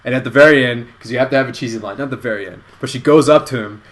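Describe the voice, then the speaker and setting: A man hosting a casual online show, pitching a movie idea in a rambling, self-correcting way. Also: very fast, fairly bright tone. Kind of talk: casual comedic chat.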